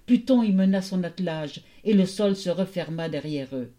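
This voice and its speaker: A woman narrating a myth as a storybook reading, expressive and measured. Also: on the low side.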